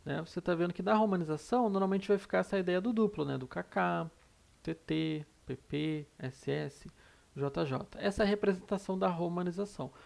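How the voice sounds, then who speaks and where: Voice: mid-range voice, creaky. A teacher with a Brazilian Portuguese accent, giving an online language lesson and explaining rules step by step with frequent tag questions.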